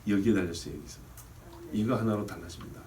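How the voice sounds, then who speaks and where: A man's voice: lowish voice, fast talker, far from the mic, a little hiss or hum. A male pastor preaching a sermon, telling stories and often asking the congregation questions. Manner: animated storytelling with questions to the congregation. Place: church sanctuary.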